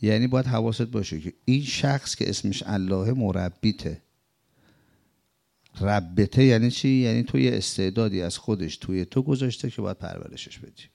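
Gravelly-voiced man preaching with rhetorical questions. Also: a little mellow. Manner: rhetorical questions, swings between emphatic high and low murmured phrases. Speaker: religious teacher. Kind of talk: sermon-style Quran commentary.

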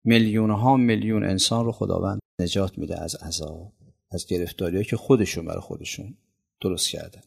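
Gravelly male preacher. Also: steady tone. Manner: storytelling with swings between loud emphasis and quiet low asides. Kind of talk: sermon.

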